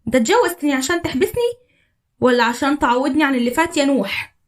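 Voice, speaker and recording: A woman's voice: sits high, animated, rapid-fire. A woman voicing an anxious young wife from Upper Egypt in a storybook drama, speaking emotionally with an Upper Egyptian accent. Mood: pleading. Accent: Upper Egyptian Arabic. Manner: emotional, pleading.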